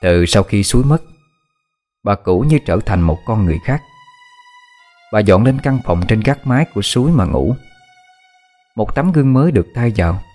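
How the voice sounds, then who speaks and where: A low-voiced man narrating a horror tale with lively, rising and falling intonation. His telling is measured and expressive, with faint music playing underneath. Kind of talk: dramatic horror story narration.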